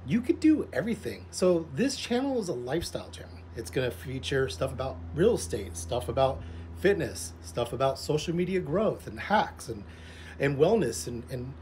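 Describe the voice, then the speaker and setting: A man in his forties with a mid-to-low everyday pitch talks to camera like a vlogger. He rambles informally from one thought to the next. The recording is made outdoors, with clear ambient noise around the voice. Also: big pitch swings, moderate pace, darkish tone. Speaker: vlogger, social media content creator. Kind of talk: casual vlog chat to camera. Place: outdoors, in a pool.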